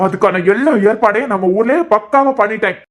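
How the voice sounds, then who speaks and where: A woman's voice: medium pitch, brisk, close to an everyday voice. A woman voicing a vengeful, jealous young man in a cartoon series, speaking with a Kanyakumari Tamil accent in a threatening, taunting way. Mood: menacing.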